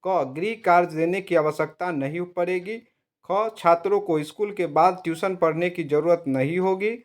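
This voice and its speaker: A man reading multiple-choice exam questions with their options and answers in a steady, measured way. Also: high-pitched. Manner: steady, measured reading, slows down when giving the correct answer. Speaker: quiz presenter for teacher exam prep.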